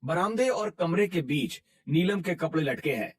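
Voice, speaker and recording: Husky male storybook narrator. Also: on the high side, expressive, moderate pace.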